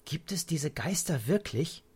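A man's voice: fairly high pitch, animated, measured pace, darkish tone, breathy edge, voice pushed up, full character voice. A man voicing a curious, earnest little boy in a storybook reading, eager with questions.

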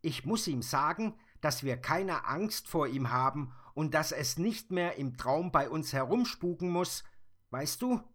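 A man voicing a bold, cheeky little girl in a high, lively storybook voice. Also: unhurried.

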